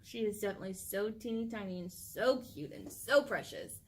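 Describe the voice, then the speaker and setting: A woman co-hosting a casual vlog, talking about her little dog. She gushes and leans on "like" as a filler. Her pitch sits at a plain middle height. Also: a little fast, darkish tone, slight background noise. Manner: gushing, chatty, full of "like" fillers. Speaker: channel co-host. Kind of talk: casual chat about pets.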